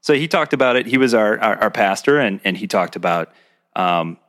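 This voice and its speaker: A man's voice: fairly low pitch, animated, fairly quick, fairly bright tone. A man co-hosting a podcast, rambling a little as he introduces a guest. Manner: rambling, many fillers. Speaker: podcast co-host. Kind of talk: casual interview chat. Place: home, indoors.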